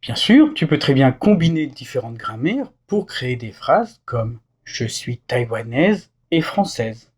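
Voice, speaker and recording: A man delivers a scripted French lesson, carefully explaining words and reading example sentences. His voice is a little husky. His pitch rises and falls with lively movement. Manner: clear, didactic explanation with example phrases. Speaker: French teacher.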